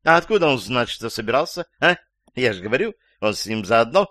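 Man doing a raised, shrill old woman witness, suspicious and excitable, dry close audiobook sound. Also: brisk, no echo. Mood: agitated. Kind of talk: audiobook character voice.

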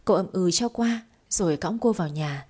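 A woman narrating a romance audiobook in a steady, lightly expressive way. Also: fairly low pitch, brisk, breathy edge. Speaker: storyteller.

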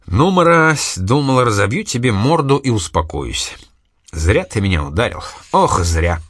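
A man's voice: mid-range voice, very animated, normal speed, fairly bright tone, dry recording, clean studio sound. A man reading an audiobook, voicing a bold, vengeful young woman with a harsh, commanding manner. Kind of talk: audiobook character voice.

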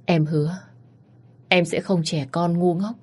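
A woman voicing a young woman director who is tearful and remorseful, speaking in soft, apologetic confessions. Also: lowish voice, steady tone, measured pace.

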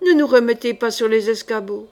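Brancaillon, a simple, carefree brute from a cloak-and-dagger storybook, talking plainly and easygoing, as a woman reads him. The voice is pitched a bit high. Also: fairly quick, darkish tone, natural voice. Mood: pleading. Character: carefree brawny male henchman, simple.

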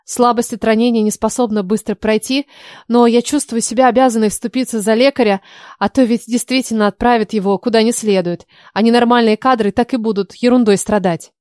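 A woman reads a first-person story with a wry, ironic turn of phrase. Her voice sits somewhat high, and the recording is close and completely dry. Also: steady tone, fairly quick, darkish tone, no echo. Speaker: audiobook narrator. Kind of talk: first-person audiobook narration.

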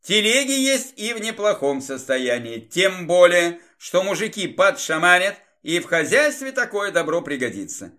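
A man's voice: high voice, big pitch swings, moderate pace, hardly any pauses, sharp tone, full character voice. A man reading the lines of a tired woman housekeeper in an audiobook, matter-of-fact as she reports. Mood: businesslike.

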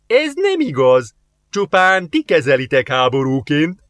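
A man voicing a scheming male alien diplomat in an audiobook, formal and calm, quoting rules. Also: medium pitch, no room sound, clean studio sound, close to an everyday voice. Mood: defensive.

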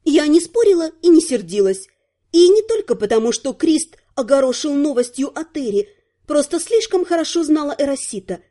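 A woman's voice: high voice, big pitch swings, normal speed, mellow. A woman reading a first-person fantasy novel aloud, narrating expressively. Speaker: audiobook narrator.

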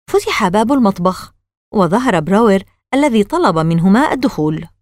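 A woman narrating a children's novel aloud with expressive storytelling. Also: medium pitch, no echo, studio quality. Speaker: audiobook narrator.

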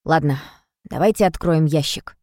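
A woman's voice: deep voice, moderate pace, warm tone, no room sound, clean studio sound, natural voice. A woman voicing an impatient, earnest young boy detective in a storybook. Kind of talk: storybook reading.

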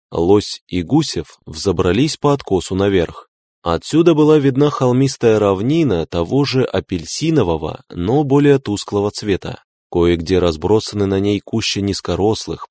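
A man narrating a novel in a steady, unhurried reading. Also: lowish voice, dry recording, clean studio sound. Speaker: audiobook narrator. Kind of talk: scripted narration.

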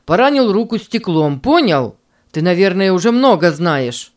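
A woman voicing a bitter, distrustful boy who speaks in a sharp, raised, resentful way. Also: on the low side, very animated, normal speed. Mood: angry.

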